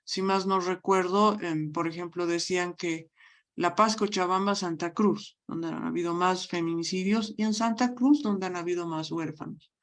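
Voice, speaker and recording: A woman's voice: on the low side, steady tone, moderate pace. Woman teaching, stressing question words. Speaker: university language teacher. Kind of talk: online class lecture.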